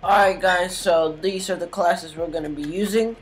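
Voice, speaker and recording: A man's voice: sits high, fairly even intonation, normal speed, soft background music, low-quality recording. Joking young man muttering over gameplay. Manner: joking, muttering asides to himself. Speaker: gaming channel host. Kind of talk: casual gameplay commentary.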